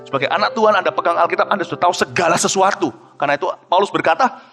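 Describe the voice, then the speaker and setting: A middle-aged male pastor preaching a sermon, animated, swinging between loud exclamations and low hushed prayer. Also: racing. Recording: reverberant church hall with soft music.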